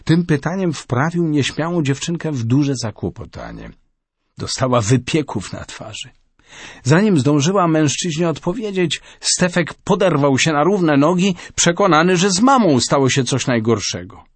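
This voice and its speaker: A man's voice: fairly high pitch, normal speed, slightly rough, no room sound. A man narrating a story as an audiobook reader. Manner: expressive, lively storytelling.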